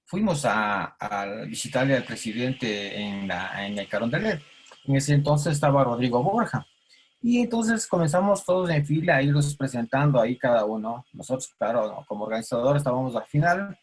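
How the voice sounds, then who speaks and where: A man's voice: medium pitch, lively intonation, moderate pace, slight background noise. A man telling a personal anecdote during a panel discussion, acting out the voices of the people in it. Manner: anecdotal, acts out quoted voices. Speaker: audience participant.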